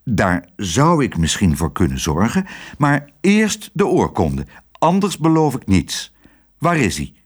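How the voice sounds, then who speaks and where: A man's voice: medium pitch, wildly swooping pitch, a little slow, breathy edge, full character voice. A man reading aloud and voicing a nervous, fussy village mayor who gets agitated and stammers. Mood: stern.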